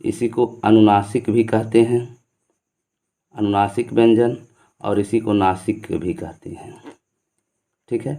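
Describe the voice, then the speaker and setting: A man's voice: lowish voice, steady tone, slow pace, pauses often, dark tone. A man teaching grammar to students, who repeats his points and asks questions that he then answers himself. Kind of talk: explaining Hindi grammar to students.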